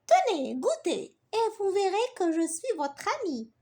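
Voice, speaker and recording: A woman's voice: extremely high pitch, very animated, dark tone, voice pushed up, full character voice. A woman voicing a proud, easily offended bee in a children's storybook, with indignant outbursts. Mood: friendly. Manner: indignant, rapid outbursts with fillers. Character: touchy proud bee who scolds loudly.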